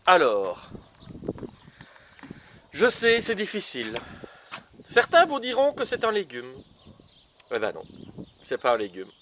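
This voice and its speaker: A man talks in his outdoor garden as he plants seedlings. His slightly high voice swoops up and down with playful energy as he teases young viewers to guess each vegetable. Faint birdsong and clicks sit under the outdoor mic. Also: huge pitch swings, slow, pauses often, bright, forceful tone, a little hiss or hum. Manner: playful, teasing guessing games, many fillers. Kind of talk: casual gardening show for children.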